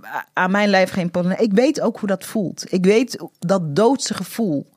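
Woman, interview guest, candid storyteller, halting and reflective, middle pitch, dry close sound. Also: expressive, darkish tone, no room sound. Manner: frank, reflective, with many hesitations. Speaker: guest, author. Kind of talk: personal storytelling in conversation.

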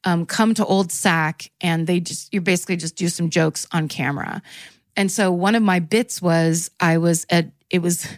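A woman's voice: fairly low pitch, fairly even intonation, normal speed, dry recording, clean studio sound. A woman comedian telling stories in a casual interview, rambling and self-mocking, laughing often. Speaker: guest comedian.

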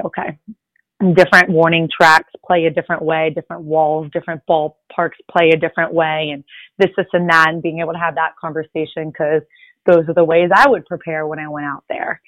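A young adult woman with a low-pitched voice, a native Spanish speaker, appears as a sports reporter guest in a casual interview. She talks earnestly and ramblingly with light laughs, and the recording is dry with a dull, lo-fi sound.

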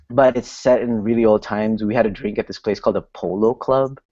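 Co-host from Sri Lanka, rambling and chatty, low voice, dry muffled lo-fi audio. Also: male voice, moderate pace, darkish tone, no room sound. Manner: chatty, rambling, laughs between phrases. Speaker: traveling podcast co-host. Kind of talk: casual chat.

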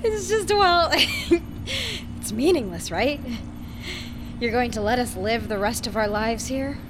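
A woman's voice: a little high, a little slow, background noise, lightly acted. A woman playing a blunt, resigned, fatalistic young woman in an audio drama. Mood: bitter, tearful laughter.

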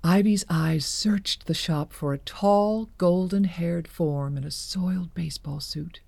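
A woman narrating an audio drama in a measured storytelling manner. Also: lowish voice, creaky, a little mellow, husky, no room sound.

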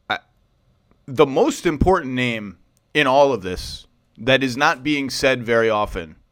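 A man hosting a casual sports podcast, animated and rambling, tired from too little sleep. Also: mid-range voice, no echo, studio quality. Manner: animated, rambling, asks long questions. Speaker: podcast host. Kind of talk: casual basketball podcast talk.

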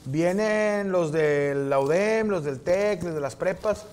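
A man from Monterrey, a podcast host telling a story in casual, profane, animated talk and acting out other people's lines. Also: high voice, takes it slowly. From Monterrey, Mexico.

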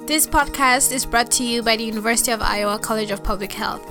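A woman in her twenties co-hosting a casual podcast from a studio, chatty and quick to laugh. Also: fairly high pitch, music in the background. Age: 20s. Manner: bright, chatty, laughs easily. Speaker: podcast co-host.

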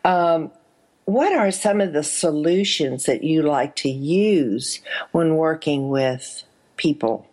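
Woman host, slow pace, lowish voice, affirming interjections. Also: darkish tone. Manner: unhurried, frequent affirming interjections. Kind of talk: casual interview talk.

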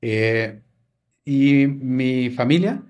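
A Mexican man in his fifties, a podcast guest, tells family stories in a casual interview chat and reenacts old family dialogues. His mid-range voice is a little mellow and very slow.

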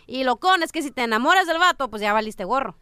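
A woman's voice: sits high, lively intonation, fast, sharp tone, clean tone, no echo. A woman co-hosting a radio comedy show, frank and full of slang. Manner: frank, slangy, laughs easily. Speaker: radio co-host. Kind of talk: casual comedic radio banter.

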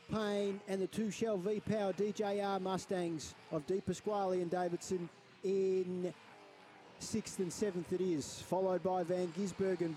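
A man's voice: sits high, mellow. A man giving analytical live motorsport commentary, explaining moves conversationally as the second voice in the box. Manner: explains moves conversationally, restating and correcting himself. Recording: clear engine and trackside noise behind. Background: race cars, outdoor circuit ambience.

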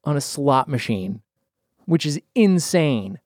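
A young man in his twenties hosting a podcast, animated and jokey, with a voice that swings widely in pitch. The recording is dry and close-miked. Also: slow, dry recording. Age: 20s. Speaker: podcast host. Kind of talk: casual podcast chat.

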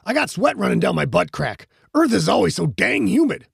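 A gravelly, husky-voiced bruiser of a football player, put on by a male audiobook reader. He is loud and crude, with a pitch that swings wildly up and down. The recording is dry and close. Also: very animated, a little fast, dry recording, heavily acted. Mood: crude goofy. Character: crass, dim-witted burly young man, male football player.

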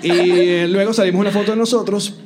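A man's voice: high voice, steady tone, fast, heavy background noise. A young man co-hosting a casual comedy podcast, joking and rambling with lots of fillers, in a hotel room with a live audience. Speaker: podcast co-host.

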